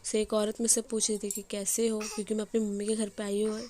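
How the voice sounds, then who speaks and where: A young woman with a hoarse voice, chatting casually as she narrates her day in a home vlog. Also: medium pitch, completely flat delivery, fairly quick, mellow, slight background noise. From Bengali family. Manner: chatty, rambling with fillers. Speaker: vlogger.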